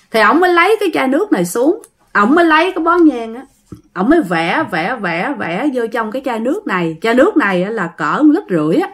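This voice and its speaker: A woman with a Southern Vietnamese accent retelling a ghost story, talking straight to her listeners and repeating words to build suspense. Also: a little high.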